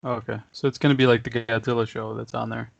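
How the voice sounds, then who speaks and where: A man's voice: mid-range voice, little pitch movement, quick pace, creaky, no room sound, muffled recording. A man co-hosting a casual podcast, talking in a laid-back, rambling way and chuckling often. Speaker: podcast co-host. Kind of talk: casual chat.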